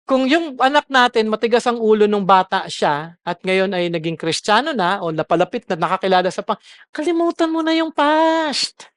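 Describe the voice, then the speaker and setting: A man's voice: high voice, brisk, a bit bright, no echo, studio quality. A man preaching a Sunday sermon as pastor, switching between Tagalog and English and checking in with the congregation. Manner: mixes Tagalog and English, keeps asking the congregation "okay?".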